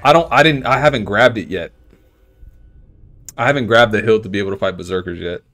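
A man's voice: on the low side, fairly quick. Profane man streaming a game. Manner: casual, profane, thinks out loud; loud frustrated outbursts at enemies. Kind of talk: live gameplay commentary.

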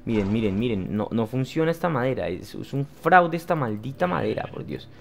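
A young man giving lively, exclamatory commentary while playing a video game, talking straight to his viewers. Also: medium pitch, a little fast, creaky. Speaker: gaming youtuber. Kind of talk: casual let's play commentary.

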